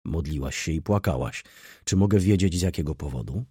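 A stern, brooding middle-aged merchant, terse and commanding, in a very low, dark and husky voice, as a male narrator reads him. His lines come quietly, even lower than the narration. The sound is close and dry. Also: brisk, no room sound, heavily acted. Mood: grave, stern.

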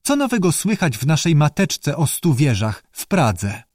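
A man's voice: fairly high pitch, very animated, unhurried, a little mellow, no echo, studio quality, pitched above the performer's own voice. A man voicing a courteous, bookish male newt who speaks earnestly and formally in an audiobook. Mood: courteous, eager. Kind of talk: audiobook character voice.

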